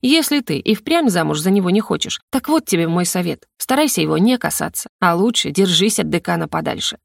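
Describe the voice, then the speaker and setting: A woman voicing a gentle, worried young female elf healer who speaks softly and pleads, in an audiobook. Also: fairly low pitch, very animated, fairly quick, gravelly, no room sound, studio quality, heavily acted. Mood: earnest. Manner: soft and pleading. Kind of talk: audiobook character reading.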